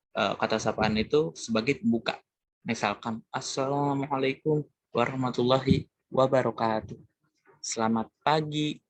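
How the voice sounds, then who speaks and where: Young man, low voice, dry close sound, hesitant class presentation, frequent fillers. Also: fairly bright tone, dry recording. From Indonesia. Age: young adult. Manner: hesitant, many fillers, addresses classmates casually. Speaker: student presenter.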